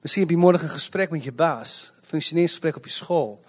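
A man's voice: a little high, quick pace. A man in his forties, a pastor, preaching a sermon in a church, speaking conversationally and building to emphatic exhortation. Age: 40s.

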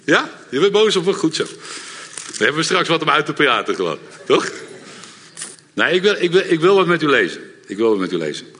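A middle-aged man preaching a sermon to a congregation, lively and direct, often checking in with the audience. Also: on the high side, fairly quick, slightly rough. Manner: lively, engages audience with repeated "ja?". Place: church hall before a congregation. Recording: long hall reverb.

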